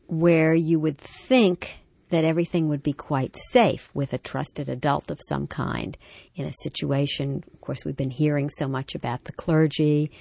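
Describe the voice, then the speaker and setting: A woman hosting a parenting talk show, reading a short story and then asking her guest questions in a measured, reflective way. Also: low-pitched, creaky, darkish tone, no echo. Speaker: radio talk show host. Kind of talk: scripted story reading and interview.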